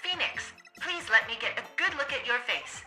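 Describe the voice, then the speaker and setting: A woman's voice: high voice, very animated, moderate pace, over music. A woman putting on a stiff robot voice to play a cheerful female guide robot, with clipped, stilted delivery. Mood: eager. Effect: robot voice, put on without filter. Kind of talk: let's play voice acting.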